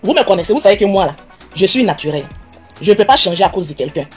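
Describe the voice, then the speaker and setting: A woman's voice: mid-range voice, lively intonation, quick pace, husky. Woman vlogger on a live stream, casual and boastful, faint music under her. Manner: self-assured, boastful.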